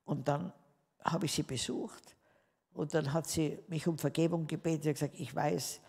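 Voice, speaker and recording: A woman's voice: low voice, steady tone, normal speed, warm tone, slightly rough, big-room sound. A woman giving a spoken testimony to a live audience, telling her story vividly and calling her listeners dear ones.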